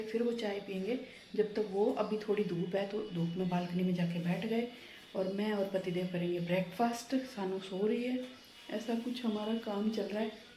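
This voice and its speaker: A woman talks through her day in a casual home vlog, narrating each chore as she goes. Her voice is mellow and relaxed rather than bright. The room gives it a clear echo, with a faint hum in the background. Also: mid-range voice. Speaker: home vlogger. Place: home kitchen and living room.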